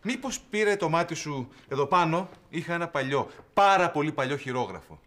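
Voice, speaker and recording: A man's voice: on the high side, animated, a bit bright. An actor playing an exasperated, short-tempered man of the house in a sitcom. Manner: exasperated, quick. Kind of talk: sitcom acting.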